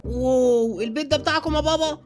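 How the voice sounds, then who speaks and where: A young man with an Egyptian accent, excitably hosting and narrating a game movie. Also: very high-pitched, fast, faint music behind. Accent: Egyptian Arabic. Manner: excitable, exclamatory. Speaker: YouTube gamer host.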